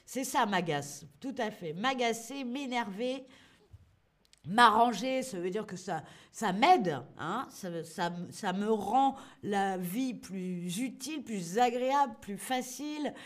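A woman's voice: mid-range voice, slow. A woman teaching expressions in a live online lesson, playful and quizzing the viewers. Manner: lively, playful, asks learners questions and answers chat. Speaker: French teacher.

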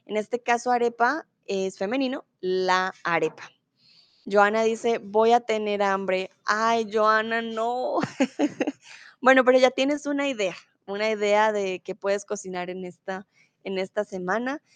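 A woman from Bogotá, Colombia teaches a live online Spanish class with a neutral Bogotá Colombian accent, reading her students' comments aloud in a friendly way and laughing along. Her mid-range voice is fairly even in intonation and a little slow, with a clean tone and no room sound.

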